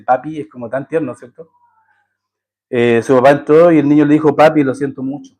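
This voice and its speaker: In a medium-pitched, slightly mellow voice, a pastor from Chile preaches through a story. He voices its characters and puts rhetorical questions to the congregation.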